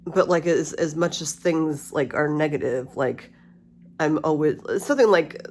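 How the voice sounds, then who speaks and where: A woman's voice: low voice, a little slow. A middle-aged woman with a slight lisp from wearing a retainer, chatting candidly and ramblingly in a casual personal vlog. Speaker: vlogger. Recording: steady humidifier hiss and faint spa music. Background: cool mist humidifier, soft spa music.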